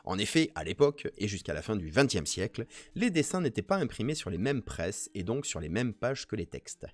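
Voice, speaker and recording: A man's voice: lowish voice, big pitch swings, a little fast. A French man streaming, reading a botany text aloud and chatting with viewers, joking between passages. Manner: reads text aloud then jokes and chats with viewers. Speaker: Twitch streamer doing a nature press review. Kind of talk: casual live-stream reading and commentary.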